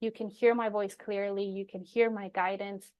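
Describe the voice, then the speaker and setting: A woman's voice: medium pitch, level tone, normal speed, dull audio. Reassuring woman coach, casual and personal. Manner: encouraging, reassuring, informal with frequent emphasis. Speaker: energy coach presenting her program. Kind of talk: casual, personal program pitch to viewers.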